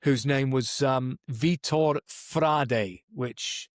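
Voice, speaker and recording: Drawing out his words in a mid-range voice, a man explains coaching methods on a podcast he co-hosts. A performance coach with English as his first language, he's thoughtful and conversational, with frequent restarts and "you know"s; the studio sound is clean, without echo.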